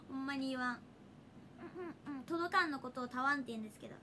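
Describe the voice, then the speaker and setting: Giggly young woman with a high bright voice. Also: sing-song, brisk, slight background noise. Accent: Hiroshima. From Hiroshima, Japan. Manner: giggly, chatty, laughs often. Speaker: idol livestreamer. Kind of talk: casual livestream chat reading viewer comments.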